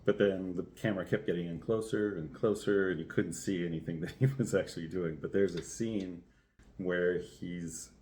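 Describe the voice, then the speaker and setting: A man's voice: low-pitched, fairly even intonation, normal speed, a little mellow, slight background noise. A man talking casually in a personal vlog, telling anecdotes and thinking aloud with some hesitation. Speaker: vlogger, first-time ice bath participant.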